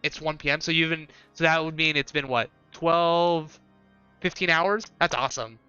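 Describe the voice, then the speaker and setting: A man's voice: fairly high pitch, normal speed, bright, forceful tone, smooth, no echo, faint music behind. A man chatting casually with viewers while streaming a video game. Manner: chatty, talks to chat viewers. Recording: dull lo-fi stream audio.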